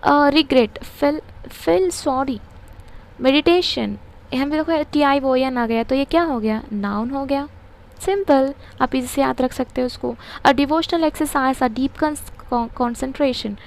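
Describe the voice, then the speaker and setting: A woman teaching an English textbook lesson, reading the English lines slowly and explaining each one. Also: sits high, creaky, darkish tone. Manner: mixes Hindi and English, reads English lines slowly then explains.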